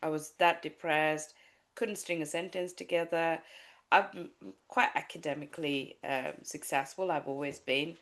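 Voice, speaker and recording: A Sri Lankan woman, a life coach and an adult with a child, tells her personal story candidly in a podcast interview, with many restarts and fillers. Her voice is deep, steady in tone, and a bit bright, and she speaks a little slowly.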